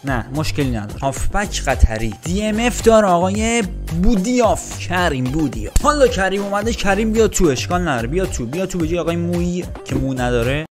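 A man hosting a game channel, giving excitable live gameplay commentary, talking to himself and cursing at the game. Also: high-pitched, hardly any pauses. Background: game music.

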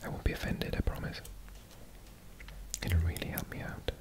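A Welsh ASMR creator reads from a language textbook at an indoor table, whispering slowly and gently in a soft, unvoiced hush. Like a learner, he corrects himself as he goes.

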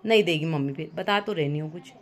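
A woman's voice: deep voice, fast. A young woman, a mother, playfully coaxing and teasing her toddler at home in baby talk, laughing often. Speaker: mother and family vlogger.

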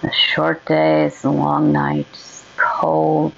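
Speaking very slowly, a woman leads a meditation in a gentle, low voice with a gravelly creak and a completely flat delivery. Long pauses separate her soothing instructions, and the slightly dull, muffled recording carries faint background noise.

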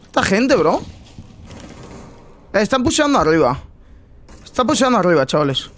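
Man, high voice, just woken up, slangy gameplay chat, loud teasing outbursts. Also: sing-song, moderate pace, slight background noise. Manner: chatty, slangy, bursts into loud teasing shouts. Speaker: gaming streamer. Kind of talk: casual gameplay commentary.

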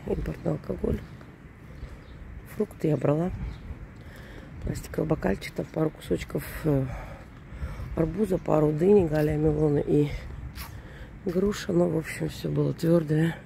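Walking around a seaside resort in the early morning, a vlogger in her forties keeps up casual, rambling commentary and often corrects herself. Originally Russian-speaking and now living in Germany, she has a low, mellow voice made hoarse by a cold, with slight background noise.

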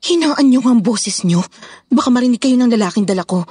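A woman playing a proud, sharp-tongued wealthy matron in a dramatized horror story, speaking in a cutting, sarcastic manner. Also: fairly high pitch, animated, brisk, breathy edge, no echo, studio quality. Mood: tense. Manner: tearful, then cutting and sarcastic.

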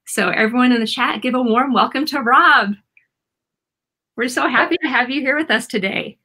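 A woman's voice: high voice, moderate pace, pushed and bright. Upbeat woman hosting a live stream. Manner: upbeat, enthusiastic. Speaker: host.

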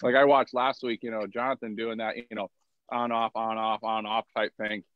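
A man's voice: on the low side, level tone, moderate pace, no echo, highs cut off. A man speaking as a guest in a casual chat, easygoing and hedging as he talks. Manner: easygoing, hedging with "you know" and "I mean". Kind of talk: casual conversation.

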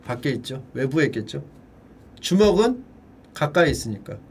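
Male streamer, husky, animated pitch, playful drill-style chat. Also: normal speed. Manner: playful, drills words by repeating them in a high echo; bursts into shouted cheers. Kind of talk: casual livestream chat.

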